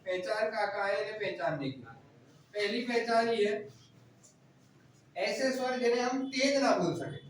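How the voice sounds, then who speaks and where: High-voiced teacher in echoey classroom. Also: male voice, measured pace, long pauses, recorded from a distance. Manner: repetitive, drilling, scolds students. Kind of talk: classroom grammar lesson. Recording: very echoey room, voice from afar, faint noise.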